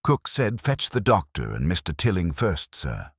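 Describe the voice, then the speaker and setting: A man's voice: deep voice, wildly swooping pitch, moderate pace, slightly rough, dry recording, clean studio sound, voice pushed up, heavily acted. Man doing a nervous, deferential gardener. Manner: deferential, rustic phrasing.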